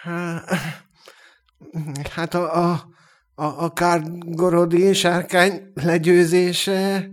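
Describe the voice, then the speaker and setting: A man's voice: a little high, animated, pitched above the performer's own voice, natural voice. A man voicing a naive young male elf in a fantasy audiobook, stammering and hesitant in his questions. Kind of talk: audiobook character reading.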